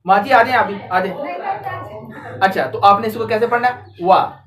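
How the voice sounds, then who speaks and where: A woman's voice: on the high side, a little slow, a crowd in the background. A woman teaching Quran recitation to a child, patient and repetitive, stretching out sounds to demonstrate them. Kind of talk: tajweed lesson with a child pupil. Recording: distant mic with steady background noise.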